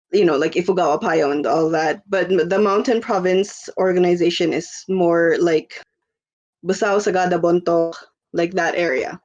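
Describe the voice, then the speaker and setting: In a muffled recording, a woman in her twenties from the Philippines talks casually as a podcast guest. Her voice is on the low side with a darkish tone, and she rambles, uses many fillers, and laughs easily.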